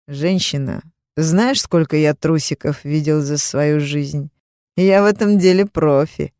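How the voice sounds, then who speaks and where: A woman reading an audiobook, voicing a cocky young male bodyguard with a slow, self-satisfied drawl. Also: deep voice, dark tone, no room sound, clean studio sound. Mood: smug.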